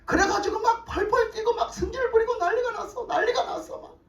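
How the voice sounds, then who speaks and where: A woman's voice: extremely high pitch, fairly quick. A woman pastor preaching a sermon emphatically, prodding the room with rhetorical questions. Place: church sanctuary. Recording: echoey church, distant mic.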